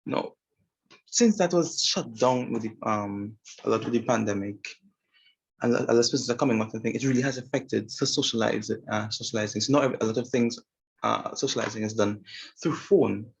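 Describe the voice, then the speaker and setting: Speaking a little fast in a fairly low, creaky voice with a breathy edge, a young man from Trinidad presents informally on a woman he interviewed. As a student presenter he hesitates, restarting often and using many fillers, on a muffled, lo-fi recording.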